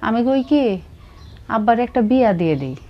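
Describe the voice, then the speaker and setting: A woman's voice: on the high side, very animated, fairly quick, lo-fi sound. An actress playing a caring eldest daughter in her young adult years, earnest and concerned about her father. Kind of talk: TV drama acting.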